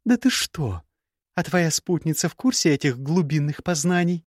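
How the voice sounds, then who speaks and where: A man's voice: fairly high pitch, animated, normal speed, no room sound, clean studio sound, voice pushed up. A man voicing an icy, sarcastic young sorceress. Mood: scornful. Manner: cutting, mocking, icy sarcasm. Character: sharp-tongued sarcastic young woman mage. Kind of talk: audiobook character voice.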